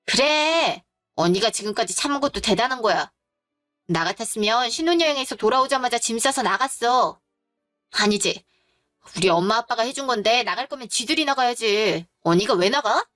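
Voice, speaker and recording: A woman's voice: fairly high pitch, lively intonation, moderate pace, a bit bright, soft background music. A woman voicing an outspoken younger sister who urges her older sister to stand firm, in a spoken story. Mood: urging. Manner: blunt, urging.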